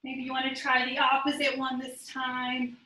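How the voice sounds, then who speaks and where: A young adult woman leading a guided workout class, giving steady counting cues while she exercises. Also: high-pitched, normal speed. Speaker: fitness instructor. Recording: roomy sound, distant from the mic.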